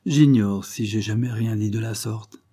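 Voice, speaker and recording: Un homme jouant un jeune avoué calme et ferme. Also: male voice, lowish voice, measured pace. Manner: firm, evasive, good-humoured. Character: calm self-possessed young male lawyer.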